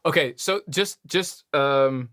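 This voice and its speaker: A man with a Dutch accent coaching a singer through a one-on-one singing lesson, relaxed and encouraging. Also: slow, music in the background. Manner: relaxed, encouraging, demonstrates high sung lines. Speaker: vocal coach.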